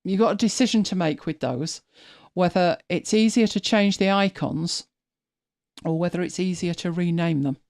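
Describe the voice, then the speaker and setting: A woman's voice: lowish voice, moderate pace, gravelly, a little mellow, no echo, clean studio sound. A woman hosting a live stream, chatting casually as she walks viewers through her screen, thinking aloud and often restarting her sentences. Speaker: host.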